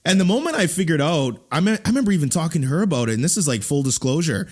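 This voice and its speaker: A man in his thirties hosting a podcast, talking in animated bursts with frequent restarts. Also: on the high side, rapid-fire, husky. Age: 30s. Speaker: podcast host. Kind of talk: casual interview chat.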